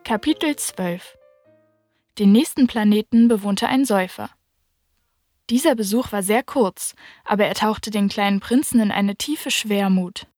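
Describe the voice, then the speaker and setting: A woman reads a children's classic aloud in a calm, even voice at a middle pitch. The recording is close and dry, with no room sound around her. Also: normal speed, no echo, faint music behind. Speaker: narrator. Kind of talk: audiobook narration.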